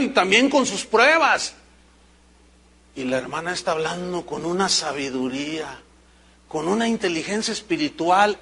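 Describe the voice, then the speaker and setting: A man preaching a sermon as pastor, telling stories in an animated way and acting out the voices of the people he quotes. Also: sits high, slightly rough.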